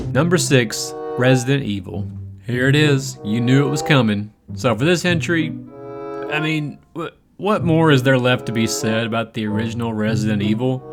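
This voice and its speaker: A man's voice: mid-range voice, normal speed, music in the background. A man hosting a video game countdown with casual, joking, conversational commentary. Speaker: video list host.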